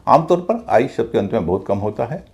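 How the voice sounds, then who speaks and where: Man, teacher, video lesson, dark mellow tone, gravelly edge, step-by-step explanations. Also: mid-range voice, sing-song, a little fast. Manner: clear, step-by-step, repeats rules with examples. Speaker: English pronunciation teacher.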